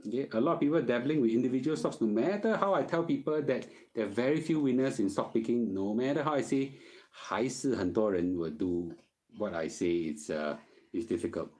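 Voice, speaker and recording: Answering questions on personal finance, a middle-aged host with a Singaporean accent talks casually in Singlish, often tossing in "okay?". His medium-pitched voice moves briskly and sounds a little mellow.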